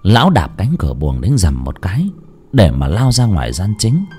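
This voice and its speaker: A man's voice: moderate pace, husky, soft background music. A man narrating a horror story in a dramatic storytelling style. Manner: expressive, sweeping pitch.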